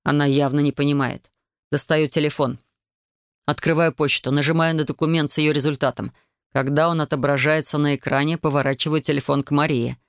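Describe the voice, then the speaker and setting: A man reading a first-person audiobook story in a measured, brooding way. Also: fairly high pitch, flat delivery, a bit bright, clean tone, no echo, studio quality. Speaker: audiobook narrator.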